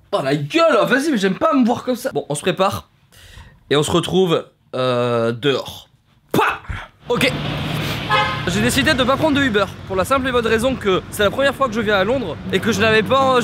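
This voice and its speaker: A young man in his twenties filming a casual travel vlog, joking, excitable and swearing often as he walks city streets on a handheld camera. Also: high-pitched. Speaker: vlogger. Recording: clear city street noise.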